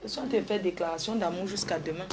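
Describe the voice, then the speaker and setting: A woman's voice: lowish voice, quick pace, heavy background noise. Playful woman, theatrical. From Africa. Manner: playful, theatrical, swings from sweet coaxing to loud outbursts. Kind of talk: comedic sketch monologue to an unseen lover.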